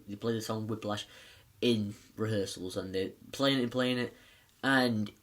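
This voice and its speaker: A man casually reviewing a film, rambling with lots of fillers and restarts. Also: medium pitch.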